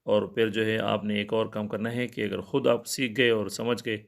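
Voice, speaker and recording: A man's voice: lowish voice, level tone, gravelly. A man teaching Quran recitation, explaining common mistakes plainly and repeating himself. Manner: plain, explanatory and repetitive, with filler pauses.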